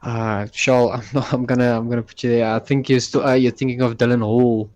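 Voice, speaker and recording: A man's voice: medium pitch, flat delivery, fairly quick, a little mellow, dry recording. A man with a South African accent, a sim racer giving a casual post-race interview.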